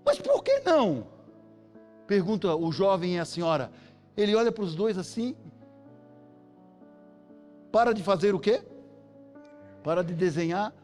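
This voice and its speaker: A pastor with a Brazilian Portuguese accent preaches a sermon, telling a story, voicing its characters and building up to shouts. His voice sits high.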